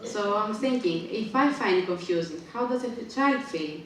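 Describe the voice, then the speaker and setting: A woman's voice: mid-range voice, expressive, normal speed. A woman from Greece, a native Greek speaker, presenting her children's book, speaking hesitantly with many filler sounds between phrases. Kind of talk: public book presentation talk. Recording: distant, very echoey room with faint ambient noise.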